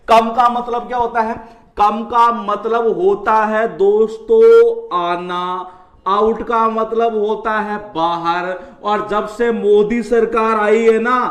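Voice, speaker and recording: High-voiced teacher in echoey room. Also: male voice. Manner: repetitive, explains with rhetorical questions. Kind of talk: exam-prep vocabulary lesson.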